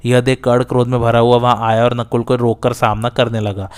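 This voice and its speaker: A man narrating an ancient epic battle story in a steady, measured reading. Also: mid-range voice, smooth.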